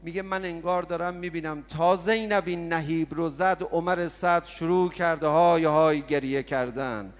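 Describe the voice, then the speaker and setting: A man preaching an impassioned mourning sermon, swinging between hushed sarcasm and loud cries. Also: on the high side, steady tone, few pauses. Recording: long reverb of a large hall.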